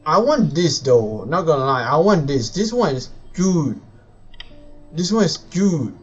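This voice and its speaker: Muttering and thinking aloud as he plays, a male live streamer gives casual commentary over game music. His slightly high voice is sing-song and breathy at a measured pace, and the recording sounds muffled.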